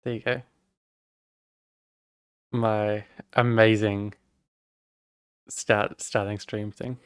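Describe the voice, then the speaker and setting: A man's voice: fairly low pitch, flat delivery, extremely slow, fairly bright tone, clear, resonant tone, no room sound, clean studio sound. A man with an Australian accent, a streamer chatting casually and rambling as he walks through his setup while working on it. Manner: rambling, self-deprecating, talks while working. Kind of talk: casual live-stream tech walkthrough.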